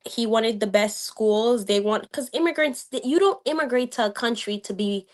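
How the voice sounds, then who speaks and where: A woman's voice: on the high side, moderate pace. A young adult woman from the United States, a guest in a casual live-stream chat, talking animatedly and switching between Haitian Creole and English.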